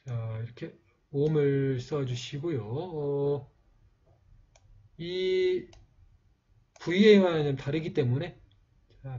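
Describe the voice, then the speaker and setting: A man's voice: fairly high pitch, dark tone, breathy edge, dull audio. A man teaching a writing lesson, explaining each stroke patiently and stopping often on fillers. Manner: slow, patient, with frequent fillers. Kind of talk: calligraphy lesson narration.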